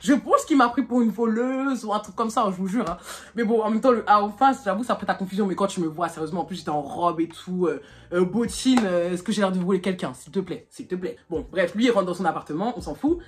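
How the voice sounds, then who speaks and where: A young woman tells her viewers a story in an animated, slangy way, swearing often and laughing nervously. Her pitch is medium and she talks quickly.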